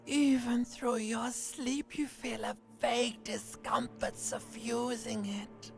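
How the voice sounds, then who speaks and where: Whispery, insinuating limbic voice. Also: female voice, a little high, fairly even intonation, slow, vocal fry, over music. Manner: soft, insinuating, drifting into whispers.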